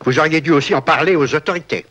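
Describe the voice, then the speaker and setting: A man's voice: a little high, fast, a bit bright. An actor playing a stern father who curtly reproaches others in a 1970s film drama. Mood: stern, reproachful. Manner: curt, reproachful. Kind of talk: 1970s French-language film drama acting.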